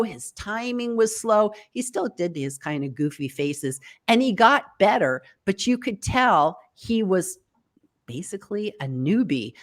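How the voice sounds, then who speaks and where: A woman guest on a live video interview, giving casual advice in a chatty, animated way. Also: a little high. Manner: animated, chatty, acts out quoted reactions. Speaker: podcast host appearing as guest.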